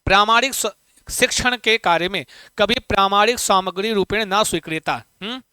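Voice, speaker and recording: A man teaching Sanskrit in an exam-prep lesson, coaxing his students with questions and chanting verse slowly. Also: sits high, bright, forceful tone, smooth, dry recording.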